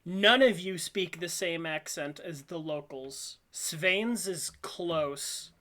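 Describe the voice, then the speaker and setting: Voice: mid-range voice, slow pace, a bit bright. A game master running a tabletop role-play, explaining things with laughing asides.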